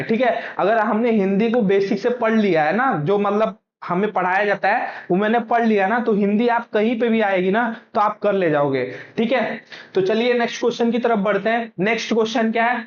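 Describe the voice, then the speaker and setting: A man's voice: sits high, fairly quick. A man teaching for exam prep, who keeps asking his own questions and then answering them. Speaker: Hindi teacher. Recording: echoey room, dull lo-fi sound.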